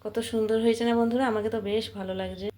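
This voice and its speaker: A woman's voice: on the high side, steady tone, very fast, mellow. A woman chatting casually to her viewers as she films a home vlog on a phone camera. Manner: chatty, friendly, often addresses viewers as friends. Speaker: home vlogger.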